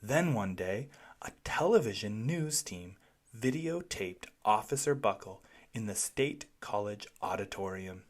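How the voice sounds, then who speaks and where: A read-aloud narrator telling a children's storybook expressively, with deliberate, dramatic phrasing. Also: medium pitch, animated.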